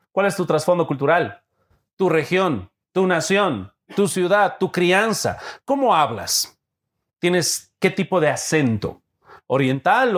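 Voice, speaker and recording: A man's voice: fairly high pitch, fairly bright tone. A man preaching a sermon as pastor, emphatic and direct, reading scripture aloud and putting questions to the congregation. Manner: emphatic, addresses the congregation as brothers; reads scripture aloud and asks rhetorical questions.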